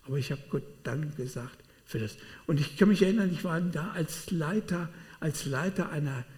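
A man preaching a sermon, telling personal testimony in an animated way with sudden swings between loud and quiet. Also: fairly high pitch, normal speed. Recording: long hall reverb.

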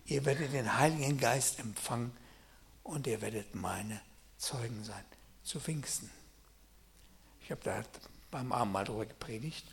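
A middle-aged man preaching a sermon. He reads scripture quietly and tells his own stories loudly and with excitement. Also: medium pitch, a little slow, vocal fry, long pauses, slight background noise. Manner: swings from quiet scripture reading to loud excited storytelling.

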